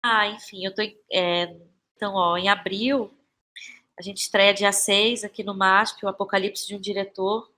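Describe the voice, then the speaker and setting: Appearing as an interview guest, a Brazilian playwright and actress speaks at a moderate pace in a bright, forceful mid-range voice with fairly even intonation. Her Brazilian Portuguese accent is clear, and her talk is casual and reflective, with phrases repeated as she finds her words.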